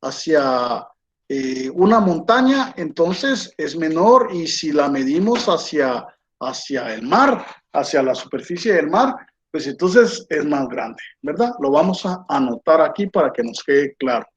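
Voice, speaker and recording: A man teaching a lesson at a slow, unhurried pace, his voice sitting a little high for a man. He keeps pausing to check in with his students as he explains. The recording sounds dull and lo-fi. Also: very animated. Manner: slow, patient, checks with "¿verdad?" after most phrases. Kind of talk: online lecture while drawing on a board.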